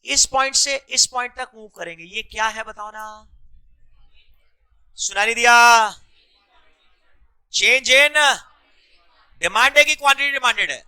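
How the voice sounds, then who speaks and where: A man's voice: very high voice, a little slow, pauses often, sharp tone, clean tone. A male economics teacher lecturing a class, mixing terms into his speech and constantly prompting students to answer back. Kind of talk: classroom lecture with call-and-response questions.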